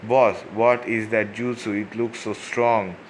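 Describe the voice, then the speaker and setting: A man voicing an eager young boy who is a ninja student, read out haltingly. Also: lowish voice, steady tone, a little hiss or hum, natural voice. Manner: halting read-aloud delivery.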